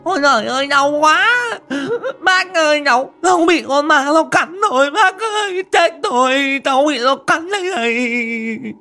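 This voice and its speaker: A man voicing a terrified young village woman who sobs and begs in a high falsetto. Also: normal speed, pushed and bright, faint music behind, exaggerated voice. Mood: wailing. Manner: sobbing, pleading, high falsetto.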